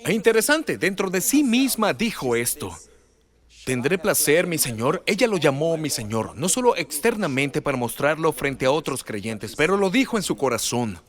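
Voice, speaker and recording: Animated male preacher with lively pitch. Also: moderate pace. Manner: animated preaching, rising loud for emphasis. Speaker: pastor. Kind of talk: sermon.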